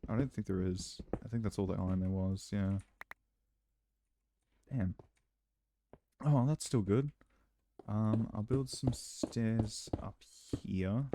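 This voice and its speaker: A young man giving casual let's-play commentary, chatty and rambling, breaking into excited outbursts now and then. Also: on the low side, background noise. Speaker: gameplay commentator.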